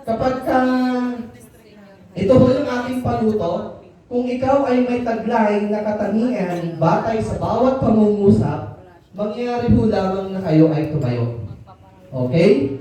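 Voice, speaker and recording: Seminar speaker, male, high and mellow voice, playful and teasing with his audience, distant mic in a roomy hall. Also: a little slow, long pauses. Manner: playful, teasing, mixes in English. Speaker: workshop speaker for teachers. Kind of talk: joking seminar talk.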